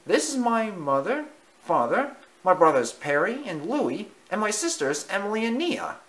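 A storybook reader voicing an earnest, eager little male circus mouse in a high voice. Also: sing-song, normal speed, a bit bright, rough recording.

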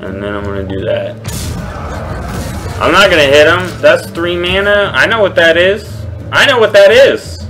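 A man casually commentating his own card game, teasing his opponent and slipping into mocking squeaky voices. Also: lively intonation, normal speed. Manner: playful trash talk at opponent, swings into squeaky mocking voices. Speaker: gameplay streamer. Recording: game music behind voice.

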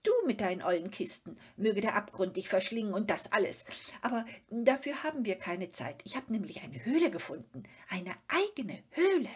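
A woman voicing a small, timid but excitable animal creature in a storybook reading, eager and breathless. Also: high voice, slow pace, breathy edge, pitched above the performer's own voice, heavily acted. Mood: indignant.

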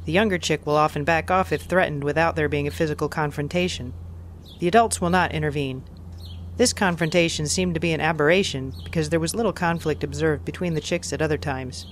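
A man reading scripted nature documentary narration in a measured, factual, explanatory manner. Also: on the high side, slight background noise.

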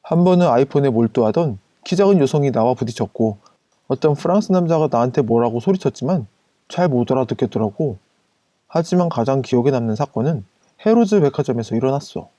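A man narrating a first-person anecdote as scripted storytelling, in an even, casual retelling style. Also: medium pitch, dry recording.

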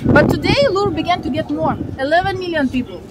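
A woman's voice: sits high, animated, a little fast. A woman giving guided tour commentary, explaining and putting questions to her group. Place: outdoor viewing deck high above city at night. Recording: noisy windy outdoor city ambience.

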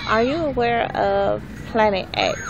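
A woman interviewing off camera in a park, asking short, halting questions. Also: a little high, gravelly, dull audio. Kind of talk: street interview. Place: outdoor city park, behind the camera. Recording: outdoor mic with crowd noise.

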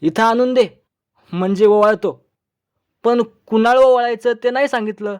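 A man's voice: extremely high pitch, clear, resonant tone, pitched above the performer's own voice. A man voicing a foolish, boastful village son-in-law in a comic storybook reading. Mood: smug. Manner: naive and boastful, chattering in quick bursts.

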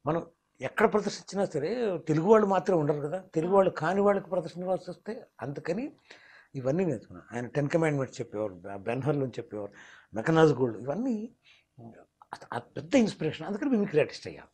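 A man's voice: on the high side, very animated, quick pace, darkish tone, husky. A mimicry artist, explaining his craft in an interview and slipping into demonstration voices. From Telangana, India.

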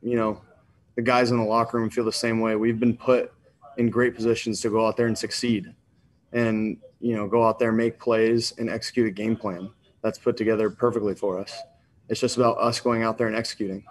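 A man's voice: fairly low pitch, little pitch movement, fairly quick. A young man in his twenties, a quarterback answering questions at a postgame video press conference in a subdued way, with many ums and stock phrases. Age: 20s. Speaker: football quarterback. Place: indoors in front of a sponsor backdrop. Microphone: desk mic on a video call.

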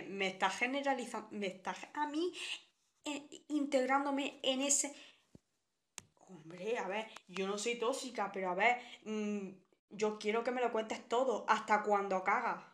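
A woman's voice: mid-range voice, measured pace. A young woman from Spain with a Spanish accent, chatting bluntly with viewers on a live stream and reading out their comments. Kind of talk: casual live-stream chat.

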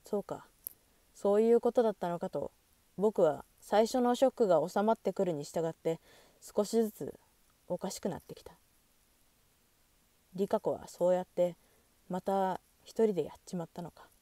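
A woman calmly reading a novel aloud in measured scripted narration, recorded close to the mic. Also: medium pitch, no echo. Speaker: audiobook reader.

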